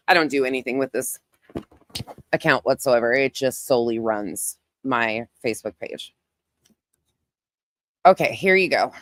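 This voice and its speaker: Speaking in a bass voice on a dry recording, a female YouTube host narrates what she does as she browses in a casual live commentary. She leans on emphatic, repeated phrasing.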